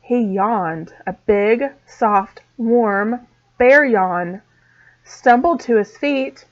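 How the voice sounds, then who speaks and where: A woman teacher reading a storybook aloud to small children, expressive and slow. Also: a little high. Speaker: preschool teacher. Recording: dull lo-fi sound.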